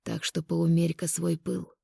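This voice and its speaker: A woman voicing a cruel male conqueror in an audiobook, speaking low, hushed and taunting. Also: monotone, a little slow, vocal fry, husky, no room sound, studio quality, exaggerated voice. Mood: cold menace. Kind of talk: audiobook character voice.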